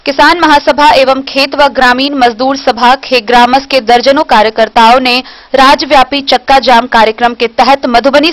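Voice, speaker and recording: A woman's voice: high-pitched, fairly bright tone. A woman reading a scripted news report as a voice-over.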